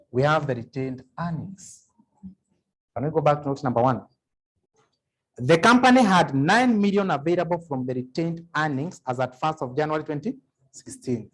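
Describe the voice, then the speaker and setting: Guy tutor going through finance sums out loud, bit husky, kinda high voice. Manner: works sums aloud, asks the class questions. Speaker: accounting tutor. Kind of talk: exam revision lecture.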